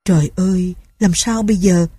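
A woman's voice: on the low side, fairly even intonation, moderate pace, mellow, husky, dry recording, clean studio sound. Woman doing a desperate old peasant man. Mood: lamenting. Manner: lamenting, fearful.

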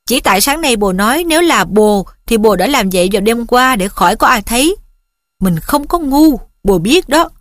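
A woman's voice: a little high, expressive, moderate pace, fairly bright tone, dry recording, clean studio sound. A woman reading as a sarcastic sulky teenage boy. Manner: sarcastic, needling. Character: teenage boy, jealous and sulky best friend.

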